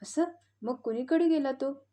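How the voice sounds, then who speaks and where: A woman's voice: high-pitched, unhurried, dark tone, pitched above the performer's own voice. A woman voicing a greedy, sly male wolf in a children's audio story, full of blustering threats. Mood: questioning.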